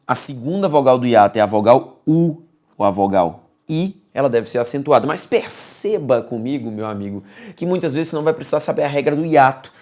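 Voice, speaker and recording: A man with a Brazilian accent teaching an exam-prep grammar lesson, coaxing and repetitive, often checking in with his students. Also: mid-range voice. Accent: Brazilian Portuguese. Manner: lively, coaxing, repeats key words, checks in with "beleza?".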